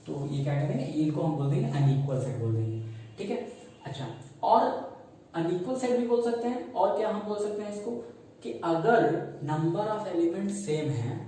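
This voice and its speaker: A male maths teacher with a somewhat high, very dark and mellow voice who keeps asking the class questions and answering them himself. He is recorded from some distance in a strongly echoing classroom. Faint room noise sits behind him. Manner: mixes English maths terms into Hindi. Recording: very echoey room, mic far off.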